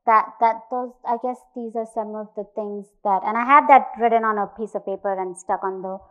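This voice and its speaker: A woman from India speaks about her art in a reflective, halting way, full of small pauses and self-corrections. Her voice sits at a middle pitch. The sound is a little dull and lo-fi. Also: fairly even intonation, fairly bright tone. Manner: thoughtful, hesitant, many fillers and restarts. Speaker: artist. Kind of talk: artist talk with slides.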